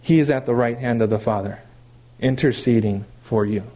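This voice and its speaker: A middle-aged man preaching a sermon, emphatic and animated, with rhetorical questions and small restarts. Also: mid-range voice, normal speed. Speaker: pastor.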